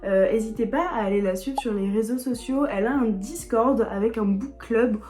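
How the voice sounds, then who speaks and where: A woman's voice: fairly high pitch, normal speed, a little mellow, soft background music. A young woman vlogger chatting casually and eagerly, often repeating words for emphasis. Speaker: book vlogger. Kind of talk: casual book haul chat.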